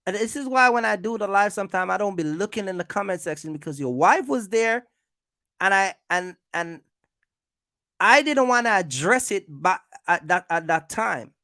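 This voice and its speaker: Animated and forceful, this mid-range, bright voice moves at a moderate pace in a dry, studio-quality recording. The speaker, a YouTube content creator who vlogs about trucking, delivers a casual, combative rant at rivals, restating points and posing rhetorical questions.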